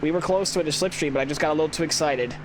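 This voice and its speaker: Rapid-fire and fairly high-pitched, a sleepy man rambles through casual let's-play commentary, criticizing himself and restarting repeatedly. Loud racing-game engine noise sits behind his voice.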